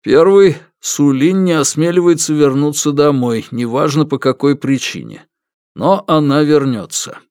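A calm, guarded middle-aged man, measured and firm, his voice set somewhat above the reader's own. A man acts him out in a dry, close reading. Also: fairly high pitch, no echo, pitched above the performer's own voice, close to an everyday voice. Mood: grave.

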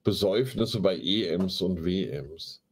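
Husky and low, this man talks at a measured pace. He hosts a live online talk show, offering casual, sarcastic, slang-filled commentary and reading things aloud mockingly.

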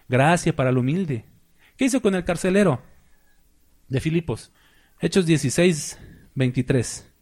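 A man preaching a sermon in a church hall, animated, asking rhetorical questions and acting out scenes. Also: a little high.

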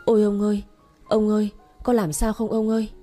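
A woman voicing a soft, pleading elderly mother who is close to tears in an audio story. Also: mid-range voice, fairly quick, soft background music, lightly acted. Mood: panicked. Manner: pleading, tearful.

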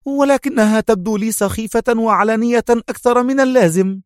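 A man voicing a tense, sharp-tongued young woman agent who speaks in an agitated, indignant way. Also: very high-pitched, fairly quick, no room sound, studio quality, pitched above the performer's own voice.

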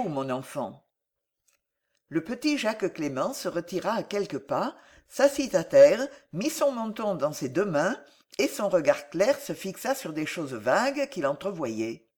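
A woman narrates a classic novel in a measured and dramatic way. Her delivery is unhurried and deliberate, and her pitch moves expressively through each sentence. Her voice sits at a middle pitch. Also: a little mellow. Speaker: audiobook narrator.

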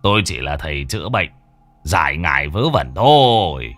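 Narrator as modest old healer, calm and low-key, lively pitch, dry. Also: male voice, normal speed, no room sound, faint music behind, exaggerated voice. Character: older male village healer, calm and modest.

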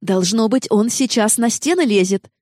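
A woman's voice: a little high, normal speed, darkish tone, no echo, clean studio sound, voice pushed up, natural voice. A woman reading the part of a worried, bossy young female friend who scolds in a raised, agitated voice. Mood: alarmed.

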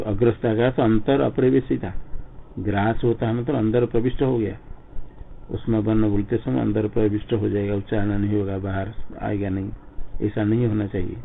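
Gravelly low-voiced man explaining scripture. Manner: reads Sanskrit phrases then explains them slowly in Hindi. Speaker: scripture teacher. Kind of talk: line-by-line commentary on a Sanskrit text. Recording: tinny phone-like recording with faint noise.

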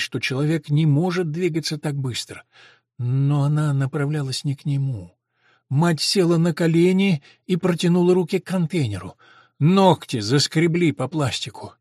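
A man narrates a dark story in a tense, dramatic read. His voice is husky and sits fairly high. The recording is dry and close. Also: no room sound. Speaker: audiobook narrator. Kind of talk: scripted narration.

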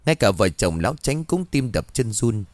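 A man's voice: medium pitch, big pitch swings, normal speed, darkish tone, no room sound. A man narrating a horror folk tale with suspenseful, dramatic storytelling.

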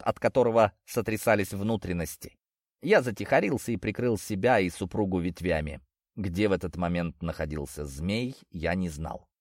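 A man narrating a fantasy story in the first person as an audiobook, in steady, expressive storytelling. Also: lowish voice, dry recording, studio quality.

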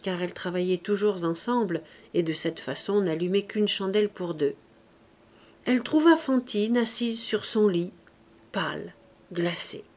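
A woman reading a classic novel aloud as an audiobook narrator, in clear, even scripted narration. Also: mid-range voice, unhurried.

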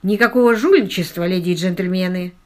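A woman's voice: fairly low pitch, fairly quick, darkish tone, natural voice. A woman voicing a beaten-up young Englishman who jokes his way through his ordeal, in an audiobook. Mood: wry. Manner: ironic, lightly self-mocking. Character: battered, wry young Englishman, joking despite injuries.

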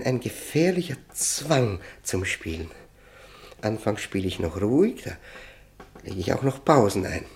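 A German radio drama features an actor with a gravelly, medium-pitched voice as a prisoner tormented by thirst and losing his mind. Across monologue and dialogue, his feverish, intense performance is haunted and full of halting repetitions.

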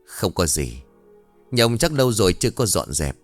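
A man's voice: fairly low pitch, sing-song, moderate pace, faint music behind. A man voicing a blunt, wry older female village shaman who talks brusquely and commandingly.

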